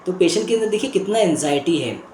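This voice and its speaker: A man's voice: high-pitched, expressive, fast talker, a little mellow, reverberant, a little hiss or hum. A man, a doctor, explaining a patient case as a lecture and checking in with his listeners as he goes.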